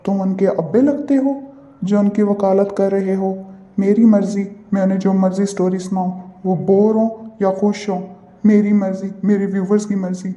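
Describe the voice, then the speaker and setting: A man's voice: sits high, level tone, moderate pace, mellow, natural voice. A man voicing a bossy, quarrelsome young woman in a cartoon who keeps scolding and repeating herself. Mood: indignant. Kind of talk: cartoon voice acting. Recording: roomy, dull lo-fi recording.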